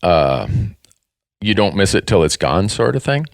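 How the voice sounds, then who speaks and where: A man in his fifties with a Minnesota accent hosts a conversation with a low, deep voice. He talks earnestly and drifts into personal stories, often restarting his sentences. The sound is dry and close. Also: very animated, measured pace, vocal fry, dry recording. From northern Minnesota. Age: 50s. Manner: earnest, storytelling, with frequent restarts. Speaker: podcast host. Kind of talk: casual conversation.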